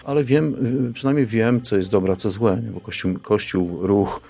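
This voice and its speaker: A middle-aged man being interviewed, reminiscing informally in a halting, emphatic way with frequent tag questions. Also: lowish voice, vocal fry, dark tone. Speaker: interview guest recalling his youth.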